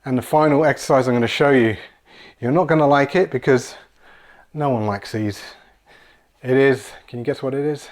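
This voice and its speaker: A man in his forties leads a home workout, relaxed and encouraging as he demonstrates each move. His voice sits at an ordinary middle pitch. He restarts phrases and repeats words as he goes. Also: moderate pace, pauses often. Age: 40s. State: slightly out of breath at times. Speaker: fitness coach. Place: small room at home with kids' toys.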